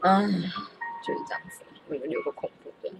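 A young woman telling a story in a casual, animated, self-mocking way. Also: on the low side, fast, low-quality recording. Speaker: vlogger. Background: faint background music.

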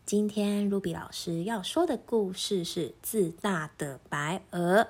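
A woman teacher reading a children's story aloud in a gentle, clearly paced way. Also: medium pitch, measured pace.

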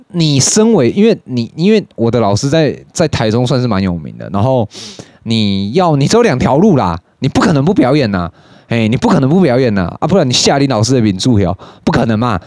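A young man with a Taiwanese Mandarin accent tells a casual, rambling story into a close, dry studio mic. His voice sits fairly low, and he curses freely between his stories. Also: a little mellow, no echo. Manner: swears often, jumps into high-pitched mimicry of others. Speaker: podcast host.

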